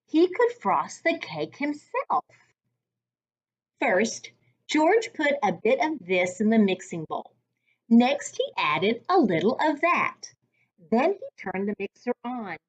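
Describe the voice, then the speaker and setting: This fairly high, husky voice belongs to a woman telling a children's storybook aloud. She reads with expressive, deliberate care, the way a coach would for little ones.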